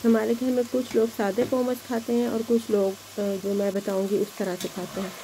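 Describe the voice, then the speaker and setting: A woman's voice: medium pitch, little pitch movement, normal speed, dark tone, a little hiss or hum, low-quality recording. A woman hosting a home cooking video, chatting in an encouraging way as she cooks in her kitchen. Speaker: home cooking channel host. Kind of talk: casual cooking demonstration.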